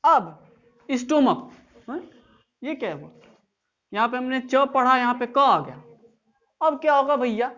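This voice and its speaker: A woman's voice: high voice, expressive, a little slow, long pauses, muffled recording. A woman teaching English grammar in an online class, explaining step by step and often checking that students follow.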